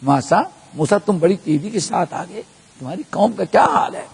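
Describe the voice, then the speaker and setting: Husky-voiced man preaching in an echoing hall. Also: high voice, expressive. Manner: storytelling with rhetorical questions to the audience. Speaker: preacher giving Quran commentary. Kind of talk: sermon. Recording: long echo of a large hall.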